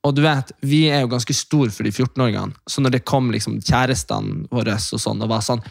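A young man telling a long story in casual chat, animated and swearing, acting out other people's shouts. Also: medium pitch, creaky, no echo, studio quality. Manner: animated, acts out quoted voices loudly; swears a lot, fast rambling.

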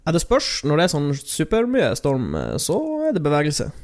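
A man's voice: on the high side, huge pitch swings, creaky. A man chatting casually and matter-of-factly as a podcast guest. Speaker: podcast co-host, offshore worker. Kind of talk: casual chat.

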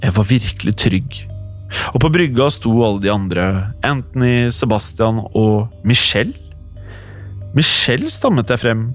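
A man reading a scripted first-person horror story in a tense, suspenseful way. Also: medium pitch. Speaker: narrator. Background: faint music.

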